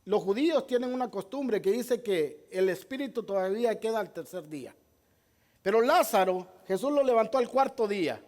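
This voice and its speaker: A male pastor preaching a sermon, emphatic, firing rhetorical questions at the congregation and repeating key phrases. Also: extremely high pitch. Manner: repeats key phrases, addresses listeners as brother.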